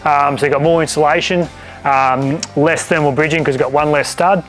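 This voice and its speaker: A man's voice: on the high side, fairly even intonation, moderate pace, a bit bright, faint music behind, poor audio. An Australian man, a builder, explaining things casually and practically as he presents a site walkthrough. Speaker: builder co-hosting a home-building show.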